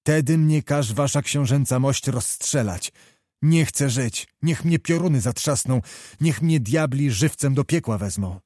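A man's voice: mid-range voice, expressive, unhurried, dark tone, no room sound, studio quality. A man voicing an impetuous, hot-tempered young nobleman who pleads with fervent, barely restrained passion in a storybook reading. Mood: fervent pleading.

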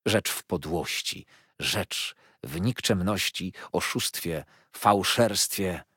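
Brief: male reader playing a pompous, overwrought gent, flowery and loud, husky edge, lively swings in pitch. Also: normal speed, no room sound, studio quality. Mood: distraught. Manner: grandiloquent, flowery phrasing; emotional outbursts. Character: pompous, tearful, florid middle-aged gentleman.

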